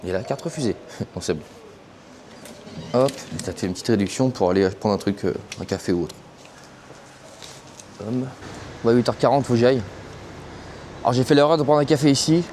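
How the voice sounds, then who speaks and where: A man's voice: mid-range voice, brisk, long pauses, a little mellow, slight background noise. A young man from France, a truck driver, chatting casually and slangily to his viewers while filming himself at a truck stop. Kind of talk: casual vlog chat. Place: truck stop outdoors, cold and windy.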